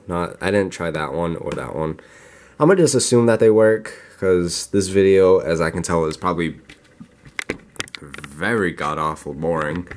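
Raspy just-woke-up young dude, deep voice, rambly casual chat. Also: male voice, a little hiss or hum. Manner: rambling, loose, lots of "like". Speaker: vlogger.

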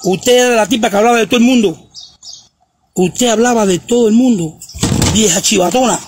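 High gravelly man ranting. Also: brisk, a little hiss or hum. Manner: insulting, repetitive, mocking. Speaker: social media livestreamer. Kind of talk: ranting livestream.

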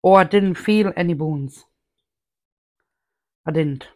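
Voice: mid-range voice, slow pace, darkish tone. A mukbang vlogger chewing while talking, musing aloud and repeating their thoughts in a casual eating vlog.

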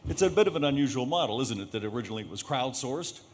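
A middle-aged man hosts a live panel, pausing often with filler sounds as he talks to the room. His voice sits at an ordinary pitch. A faint hum of ambient noise runs under the recording. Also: expressive. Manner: halting, many filler sounds, polls the audience. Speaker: panel moderator. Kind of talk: hosting a live panel discussion.

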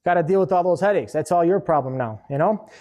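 A man with a notably high voice speaks at a business seminar, direct and emphatic. He is a middle-aged restaurant owner sharing hard lessons in a casual, conversational way. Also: fast talker, mellow. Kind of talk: live seminar talk. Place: conference hall.

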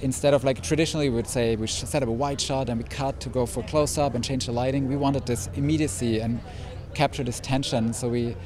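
A man's voice: medium pitch, fairly even intonation, fast talker, hardly any pauses, crowd noise. A man in a casual red carpet interview, explaining his work matter-of-factly. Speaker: cinematographer.

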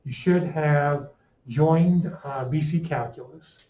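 Mellow, masked man in echoey classroom. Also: a little high, takes it slowly. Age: middle-aged. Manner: speaking through a face mask, slightly muffled. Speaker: high school calculus teacher. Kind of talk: informal classroom lecture. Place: indoor classroom in front of a chalkboard. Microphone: fixed microphone a few steps away. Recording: roomy classroom echo, distant microphone.

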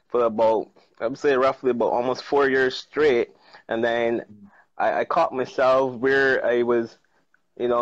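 A man in his thirties with a Barbadian accent and a medium-pitched voice speaks casually as a guest, a trader and chef, on a video call from a sunny patio. He laughs often and repeats words for emphasis. Through his earphone mic, the audio comes across slightly muffled and dry, with no room sound.

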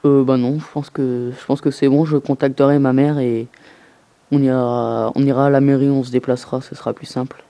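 A man making a casual inquiry over the phone, halting and earnest in his delivery. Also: mid-range voice, level tone, warm tone, dry recording. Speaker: prank caller. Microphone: telephone call. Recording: noisy telephone prank recording.

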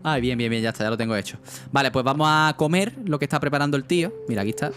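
A man's voice: medium pitch, animated, very fast, a bit bright, faint music behind. Casual young man from streaming games. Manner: casual, chatty, asks chat often, swears. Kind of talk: gaming livestream commentary.

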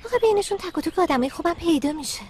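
A woman's voice: very high-pitched, expressive, a little mellow. A woman dubbing an easygoing young woman friend in a TV comedy drama, light and chatty.

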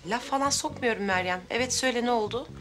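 A woman's voice: a little high, fast, fairly bright tone, faint music behind, close to an everyday voice. An actress playing a chatty, teasing woman in a TV comedy drama. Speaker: Nurcan, the sister-in-law.

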